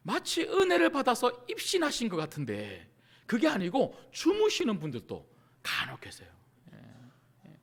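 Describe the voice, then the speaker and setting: A middle-aged man, a pastor, preaching a sermon to his congregation, asking rhetorical questions and dropping from loud cries to near-whispers. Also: extremely high pitch. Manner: acts out desperate pleas in quoted prayers.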